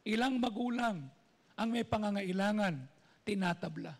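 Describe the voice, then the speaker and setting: A man's voice: high voice, moderate pace, creaky. A middle-aged Filipino man preaching a sermon as pastor, with repetitive rhetorical calls to his congregation. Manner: preaches in mixed Tagalog and English, repetitive calls.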